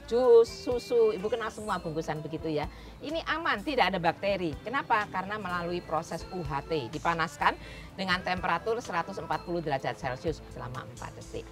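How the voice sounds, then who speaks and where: Woman cooking-show host, outdoors, lapel mic, lively pitch, music playing behind. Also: a little fast. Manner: chatty, instructive, keeps addressing the audience as "Bu". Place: outdoor street cooking stage.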